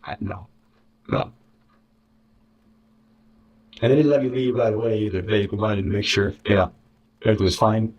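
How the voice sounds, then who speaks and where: A man's voice: on the low side, steady tone, a little fast, highs cut off. A man recounting a bitter experience as an interview guest, rambling and sarcastic. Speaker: interview guest, former contestant. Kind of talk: candid storytelling. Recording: roomy, distant mic.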